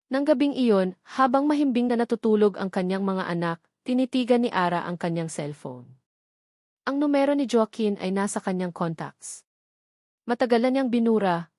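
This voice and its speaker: With a Filipino accent, a woman narrates a scripted romance story in a medium-pitched, darkish voice, recorded dry and clean in a studio.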